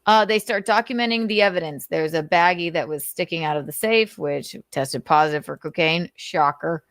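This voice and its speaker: A deep-voiced woman hosting a commentary show talks at normal speed with no room sound. Reading from her notes, she chats conversationally, tossing in sardonic asides and plenty of swearing.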